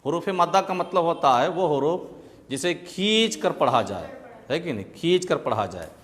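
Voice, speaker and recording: A man's voice: fairly high pitch, very animated, moderate pace. A man teaching Quran reading to a class, drilling sounds patiently with call-and-response. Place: classroom with students. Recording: echoey room with loud background noise.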